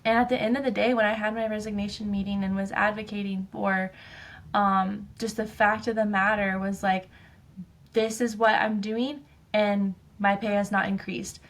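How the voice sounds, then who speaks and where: A woman's voice: mid-range voice, little pitch movement, moderate pace. A woman hosting her own show, talking casually and emphatically in a personal monologue, filling her speech with "like" and "um". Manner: chatty, fills speech with "like" and "um"; emphatic, ranting. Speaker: podcast host.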